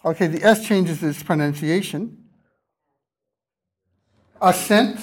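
A man's voice: fairly high pitch, slow, husky. A man giving a university lecture, questioning his students and dropping dry wordplay jokes. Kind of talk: classroom lecture.

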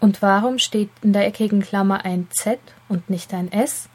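Woman, scripted lesson narration, clear deliberate explaining tone, speaks to the learner, mid pitch. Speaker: teacher.

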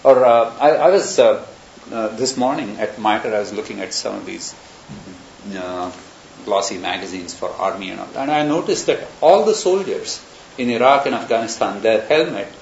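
A man's voice: fairly low pitch, lively intonation, moderate pace, gravelly. A man giving a university lecture, talking through ideas in a discursive, thinking-aloud way with many examples. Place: lecture room. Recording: roomy, dull lecture recording with hiss.

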